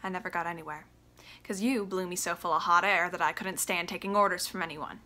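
A woman's voice: fairly even intonation, a little fast. A young woman performing a theatrical monologue as a bitter, desperate grown son confronting his father, with emphatic delivery. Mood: bitter, accusing. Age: young adult. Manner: emphatic, confrontational, swinging from low to shouting. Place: small plain room indoors.

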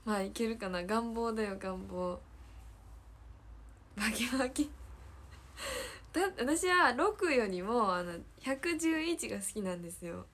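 A woman's voice: on the high side, lively intonation, unhurried, pauses often, a bit bright, a little hiss or hum. A teenage girl with a Kansai accent chatting casually on a livestream, giggling often and repeating her own phrases as she reads viewer comments. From Hyogo, Japan. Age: teens. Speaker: idol trainee livestreamer.

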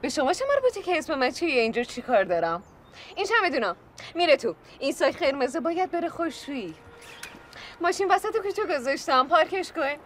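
An actress playing a brash, bossy wealthy wife who talks rudely and commands everyone in a TV comedy. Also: female voice, big pitch swings, fairly bright tone, a little hiss or hum. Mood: indignant. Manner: shrill, rude and commanding, with sudden laughs. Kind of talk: TV comedy acting.

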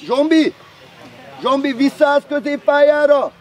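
A man coaching youth football from the sideline, shouting short urgent instructions and player names outdoors. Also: very high-pitched. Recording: crowd noise from an outdoor match.

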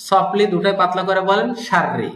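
A man with a high, light voice, teaching recitation in a patient, step-by-step way. He slows down and repeats sounds to show how they should be pronounced. The recording has a roomy, echoing sound. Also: lively intonation, fairly bright tone. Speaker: Quran teacher. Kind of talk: recitation lesson with explanations. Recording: roomy echo.

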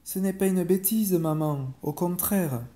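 A man voicing a timid, tender-hearted little girl with a soft, pleading voice, in a bedtime story reading. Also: high-pitched, a little slow, pitched above the performer's own voice.

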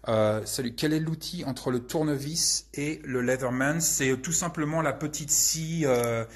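A man's voice: on the high side, a little slow. A man hosting a casual live question-and-answer session, rambling with many hesitations and crude slang. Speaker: channel host answering viewer questions.

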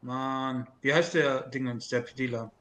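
A man's voice: medium pitch, fairly even intonation, a little slow, a bit bright. A man in casual in-game voice chat, playing a gang member and using street slang. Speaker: player in online gang role-play.

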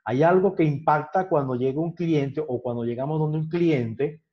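A man's voice: fairly high pitch, normal speed. A man lecturing a sales training class, constantly checking in with his students by asking "ok?" in a conversational teaching manner. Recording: dull lo-fi sound.

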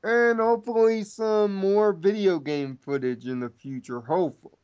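A man's voice: sits high, moderate pace, darkish tone, smooth, muffled recording. A man hosting a casual fan podcast, with a hesitant, stop-and-start way of talking. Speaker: podcast host.

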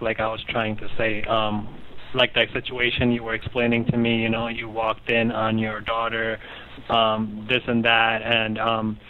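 A man's voice: medium pitch, a little hiss or hum. A man working as a customer service agent, speaking politely and hesitantly over the phone, with many ums and calling the caller sir. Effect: heard over the phone. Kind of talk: phone support call. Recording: tinny phone line.

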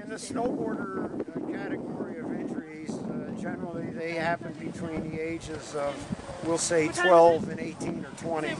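An older man, a ski patroller, giving a measured interview about injuries outdoors, pausing often with fillers. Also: on the high side. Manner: measured, hesitant with many fillers. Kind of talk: news interview. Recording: loud wind noise outdoors.

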